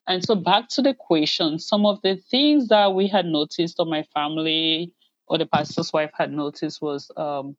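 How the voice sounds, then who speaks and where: A woman from Cameroon, a parent advocate, telling her family's story in an interview, soft-spoken and hesitant with many pauses. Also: low voice, no echo, dull audio. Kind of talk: interview answers, personal story.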